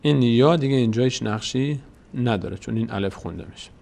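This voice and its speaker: Male recitation teacher, patient and repetitive, gravelly mid-range voice, stretches verses out slowly to show how they are read. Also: mid-range voice, a little mellow. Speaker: Quran reading teacher. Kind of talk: step-by-step recitation lesson.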